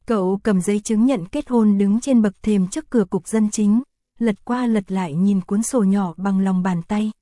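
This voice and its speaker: A woman narrating an audio story in a steady, even reading voice. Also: medium pitch, normal speed, no room sound, studio quality.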